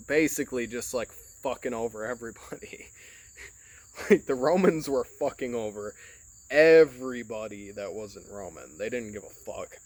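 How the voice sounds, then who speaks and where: The audio is rough but free of room sound as a medium-pitched Michigan man, a podcast host, talks casually into his phone. His rambling is peppered with profanity and heavy use of "like" and "you know."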